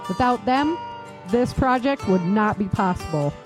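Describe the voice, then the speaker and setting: A woman who hosts a podcast and writes audio dramas chats casually and conversationally on her show. Her voice is on the high side, animated and unhurried, heard over music.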